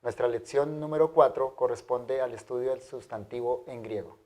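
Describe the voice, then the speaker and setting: A man teaching a language lesson, modeling pronunciation carefully and repeating words slowly for his students. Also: mid-range voice, steady tone, mellow. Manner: careful, drawn-out pronunciation drills. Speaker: Greek teacher. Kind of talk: slow, deliberate language lesson.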